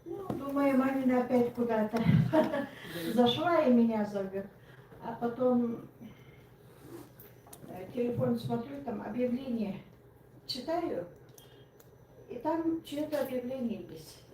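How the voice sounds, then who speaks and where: A woman's voice: on the high side, takes it slowly, pauses often. A woman in her sixties giving a personal testimony, telling it animatedly and with laughs. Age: 60s. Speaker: business partner. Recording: echoey room, far from mic, faint hiss.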